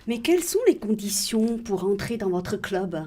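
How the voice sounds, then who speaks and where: A woman's voice: medium pitch, lively intonation, moderate pace, darkish tone. A woman hosting a radio interview, encouraging her guests and finishing their sentences.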